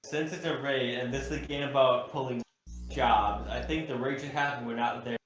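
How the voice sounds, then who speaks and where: A man's voice comes through muffled and far away, as if from behind a wall. He is lying down while he talks, so his words sound low and quick. His voice echoes strongly around the room, and faint music plays underneath. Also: steady tone. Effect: muffled and distant, as if through a wall. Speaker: tabletop game player. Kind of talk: casual chat over a voice call.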